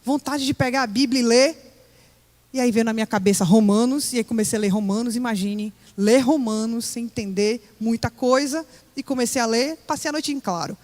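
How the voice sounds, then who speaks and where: A woman's voice: on the high side, fairly quick, a little mellow. A woman gives a personal testimony to a church congregation, telling her story with emotion. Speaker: church member giving testimony. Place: church hall. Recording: echoey church hall with long reverb.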